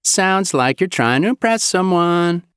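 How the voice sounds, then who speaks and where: A man voicing a brisk, wisecracking woman federal agent in an audiobook, teasing in a sing-song way. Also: sits high, very animated, no room sound, clean studio sound, voice pushed up.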